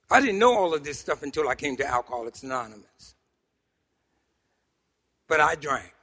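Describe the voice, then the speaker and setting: This recovery-meeting speaker is a middle-aged or older man from Harlem with a New York accent and a voice on the high side. Addressing a group in a meeting hall with long, echoey reverb, he tells his own story with humor and animation, pausing for effect and repeating phrases.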